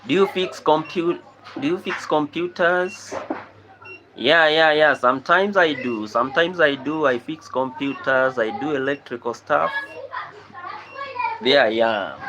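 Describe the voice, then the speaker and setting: A man's voice: a little high, unhurried. A Kenyan man hosting a casual live stream, greeting viewers by name and repeatedly asking them to like and subscribe, talking into a computer microphone. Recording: loud background noise.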